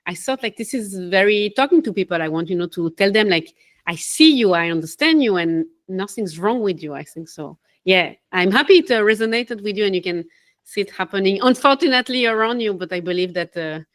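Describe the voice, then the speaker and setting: A young woman from Switzerland, a life coach and podcast guest, talking in an animated, casual way with small laughs and self-corrections. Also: mid-range voice, a little fast. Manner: animated, laughs between phrases, loses her train of thought. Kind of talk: casual interview talk.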